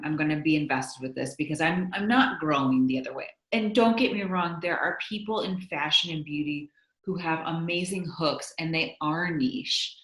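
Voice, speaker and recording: Her voice sits low with a fairly bright tone as this content creator, a guest on a podcast interview, chats candidly and uses lots of likes. The room adds a noticeable echo.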